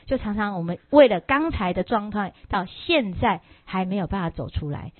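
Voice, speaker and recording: A woman's voice: mid-range voice, no room sound. Woman dharma teacher, storytelling sermon with audience questions; bouncy delivery, thin phone-like sound. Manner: animated, rhetorical questions to the audience. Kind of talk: lively dharma talk with storytelling. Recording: tinny lo-fi, dry.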